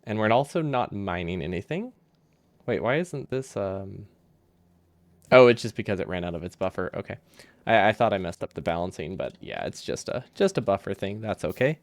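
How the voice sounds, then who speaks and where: A man's voice: lowish voice, big pitch swings, moderate pace, dry recording. A man chatting casually on a game livestream, easygoing and rambling as he thinks aloud, his speech slightly impeded by a loose dental retainer. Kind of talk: casual livestream chat while gaming.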